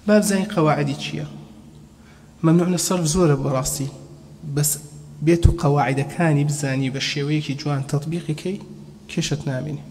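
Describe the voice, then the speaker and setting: A man teaching a grammar lesson step by step, asking questions and then answering them, and slowing down to spell out each example. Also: fairly high pitch, steady tone, a little mellow. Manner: explains step by step, asks and answers his own questions, spells out examples slowly. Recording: long reverb, faint background hum.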